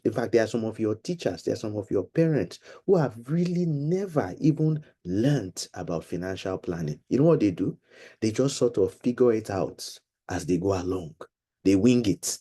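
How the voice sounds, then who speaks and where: A middle-aged man leading an online money seminar for children, explaining patiently and slowly over a video call. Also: low-pitched, dark tone, breathy edge. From Nigeria. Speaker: financial literacy seminar leader.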